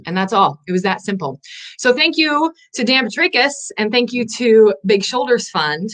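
A woman hosting a live good-news show, bubbly and enthusiastic, a little out of breath, rushing through her stories. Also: a little high, animated, fairly bright tone. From Northwest Indiana. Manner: bubbly, enthusiastic, talks in quick bursts. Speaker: host.

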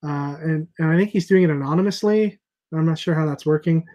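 The sound is lo-fi: a slightly high, dark-toned male voice speaking fairly quickly. He's a comic shop owner in his thirties hosting an informal chat over video call from home on an earphone headset, rambling a little with lots of fillers and restarts.

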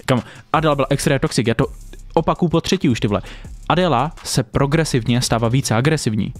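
A man's voice: mid-range voice, soft background music. A man giving casual reaction commentary on stream clips, mocking and swearing freely.

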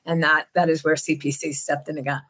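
A woman's voice: sits low, level tone, brisk, fairly bright tone. A middle-aged woman with a New Jersey accent, candidly telling her own recovery story over a video call. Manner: earnest, reflective, candid. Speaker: keynote speaker, counselor in recovery. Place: home room, indoors.

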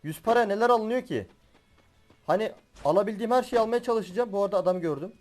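Excitable high-voiced young gamer man. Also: fast, faint music behind. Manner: excitable, swears and laughs while playing. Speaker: gaming YouTuber. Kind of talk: live gameplay commentary.

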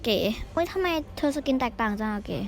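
A woman's voice: a little high, expressive, fast talker. A young woman hosting her gaming channel, chatting and swearing freely as she comments on the game she is playing at home. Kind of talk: casual live gameplay commentary. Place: room at home with a fan running.

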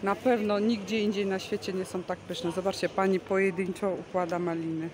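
Speaking briskly in a mid-range voice with little pitch movement, this woman hosts a casual market vlog. Holding a phone camera in front of her, she chats with enthusiasm and explains the goods in a large covered hall, the bustling crowd noisy around her.

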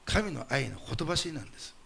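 A male pastor delivering a sermon, emphatic and animated, putting rhetorical questions to the congregation. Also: a little high, quick pace, gravelly, breathy edge.

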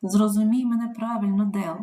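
A calm young husband who speaks gently and reassuringly, as a woman reads him. The mellow voice sits a little away from the mic. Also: medium pitch, moderate pace, recorded from a distance, close to an everyday voice. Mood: gentle.

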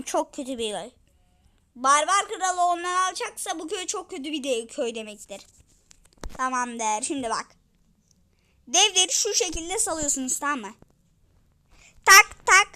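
High-pitched excitable woman narrating gameplay. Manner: excitable, chatty, with sudden yells. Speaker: gaming channel host. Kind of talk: game commentary.

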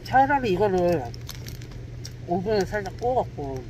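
High-voiced man talking while chewing. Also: very animated, unhurried, a little mellow, a little hiss or hum, low-quality recording. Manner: grumbling, blunt opinions. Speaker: mukbang vlogger. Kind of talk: casual food review.

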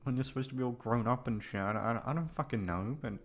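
With background music running, a man in his twenties, a voice actor, talks to his listeners in a loose, hesitant ramble full of self-deprecation and casual swearing. He has a medium-pitched voice and a quick pace.

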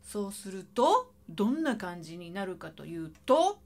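A woman's voice: medium pitch, moderate pace. A middle-aged woman teaching saxophone in a chatty video lesson, scatting and singing short phrases to show the rhythm. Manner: lively, chatty, sings and scats phrases to demonstrate.

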